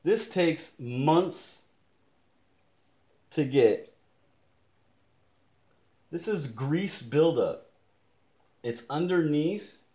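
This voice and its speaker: Indoors at a desk, a man in a reverberant room shows close-up magnified damage on a watch he bought, talking slowly and deliberately as he points things out in casual show-and-tell. His voice is fairly high, expressive and darkish, and now and then he mutters in frustration at his gear.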